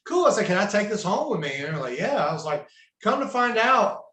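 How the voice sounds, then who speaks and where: A man's voice: high-pitched, big pitch swings, a little fast, bright, forceful tone. A man guest on a podcast, telling wrestling-road stories in a laid-back way, laughing as he goes. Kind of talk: casual storytelling. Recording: roomy echo.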